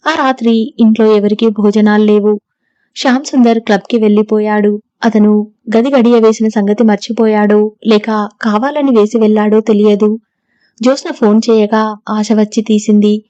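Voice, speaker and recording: A woman reads a novel aloud in a steady, level storytelling voice. Her tone is mellow and low-key. The recording is dry and a touch dull. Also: moderate pace, clear, resonant tone, no room sound. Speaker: audiobook narrator. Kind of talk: scripted novel narration.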